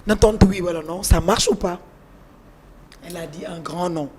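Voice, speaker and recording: A Senegalese woman with a hoarse, witch-like croak gives motivational coaching on a talk show. Other voices are heard around her. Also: on the low side, normal speed, crowd noise. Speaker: life coach, guest.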